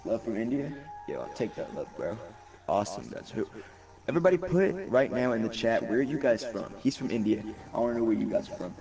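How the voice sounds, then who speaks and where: A man's voice: mid-range voice, lively intonation, brisk, vocal fry. A young man streaming a game, reading viewers' chat aloud in hyped, slangy casual talk. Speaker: gaming streamer. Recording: distant mic under loud game music. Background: loud game music.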